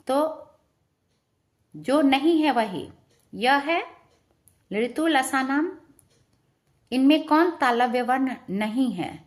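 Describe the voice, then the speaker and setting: A woman teaching a grammar lesson to students, patient, repeating each question and answer and checking in with them often. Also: high voice. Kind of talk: classroom lesson explaining to students.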